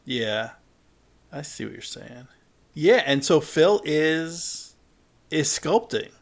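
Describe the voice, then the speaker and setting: A man in a casual film discussion who explains a deleted scene at a relaxed pace, often hesitating with "um". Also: fairly high pitch, slow, vocal fry. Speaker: podcast co-host.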